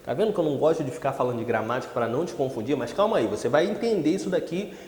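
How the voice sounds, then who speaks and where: A man teaching English in a casual online lesson, chatty and lively, often checking in with the listener. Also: mid-range voice, rapid-fire. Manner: lively, chatty, peppers speech with "tá?". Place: classroom with whiteboard. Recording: echoey room with long reverb.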